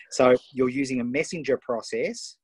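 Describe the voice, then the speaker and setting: An Australian man hosting a live online coaching session, enthusiastic and firing off quick questions over a video call. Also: medium pitch, slightly rough, dry recording. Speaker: host and coach.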